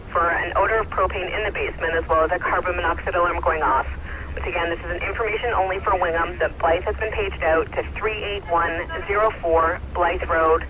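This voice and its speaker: Fire dispatcher, male, high register, measured radio delivery, heard through a noisy scanner. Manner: slow, deliberate repetition of addresses and times.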